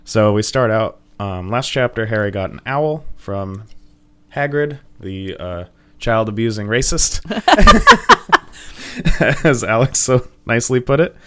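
A man with a fairly low voice co-hosts a chatty podcast. He swears freely and keeps breaking into laughter while he paraphrases the story in a jokey, irreverent way. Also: a little slow, long pauses, clean tone. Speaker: podcast co-host. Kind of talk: casual irreverent recap chat.

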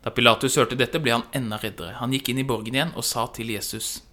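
A man reading scripture aloud as a dramatic narration. His tone is bright and forward, and the delivery measured and expressive. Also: mid-range voice. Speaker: scripture reader.

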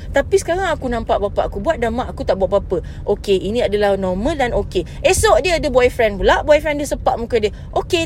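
Heated high-voiced Malaysian woman. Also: slight background noise. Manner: heated, mixes Malay and English, addresses listener as babe. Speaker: podcast host. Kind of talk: impassioned podcast monologue.

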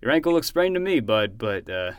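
A man's voice: medium pitch, big pitch swings, a little fast, clean tone, no room sound, clean studio sound, natural voice. A man playing an easygoing, good-humored uncle in a fiction podcast, casual and teasing. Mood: gently cautioning.

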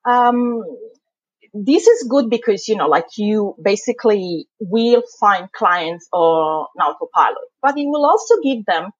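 A woman's voice: mid-range voice, expressive, a little slow, husky, no echo, highs cut off. A woman from Italy with a thick Italian accent, a guest explaining blogging and its legal side in a casual interview, chatty and often laughing.

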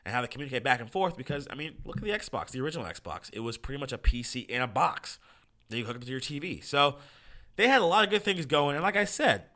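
This young-adult American man's medium-pitched voice swings widely in pitch, and he comes across as fast, bright, and forceful despite being congested and froggy from a cold. He hosts a solo podcast, offering casual, profane, opinionated commentary on video games.

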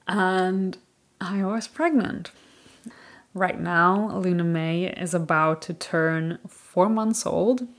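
A woman's voice: lowish voice, vocal fry. A woman from Ireland hosting a podcast, telling a personal story in a candid, chatty way with plenty of fillers. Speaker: podcast host.

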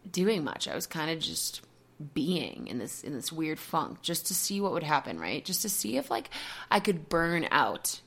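A woman podcast host speaking openly and reflectively in a personal monologue, full of casual "like" fillers. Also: sits low. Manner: open, reflective, many "like" fillers.

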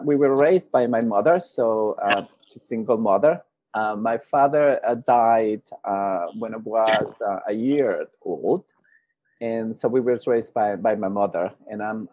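A middle-aged man from Honduras, telling his story as a panel guest in a casual interview, pausing often with fillers and clearing his throat. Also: fairly low pitch, a little mellow, dry recording.

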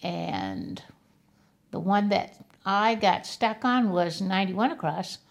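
Brief: unhurried female co-host with vocal fry, matter-of-fact, casual puzzle talk. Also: medium pitch, lively intonation. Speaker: podcast co-host. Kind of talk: casual chat about a crossword puzzle.

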